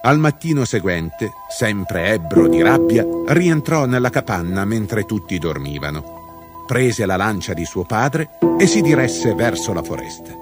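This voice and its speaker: A man reading a fairy tale aloud in an expressive, lively storytelling manner, with music playing behind him. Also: lowish voice, unhurried. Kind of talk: scripted fairy-tale narration. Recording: narration over background music.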